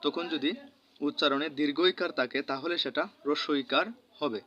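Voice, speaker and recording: Bright-voiced Bangladeshi man teaching pronunciation. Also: fairly high pitch, steady tone. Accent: Bangladeshi Bengali. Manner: slow, repeats each example word. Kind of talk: grammar lesson. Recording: dull lo-fi recording.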